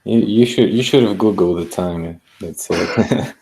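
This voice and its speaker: Deep-voiced man hosting a stream. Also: vocal fry, dark tone, a little hiss or hum. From Russia. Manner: halting, with slightly broken English. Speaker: host. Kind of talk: live stream chat.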